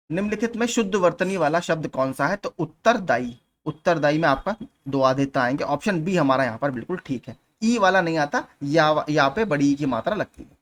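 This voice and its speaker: A man teaching exam preparation, going through spelling questions one at a time and patiently repeating the key points. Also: a little high.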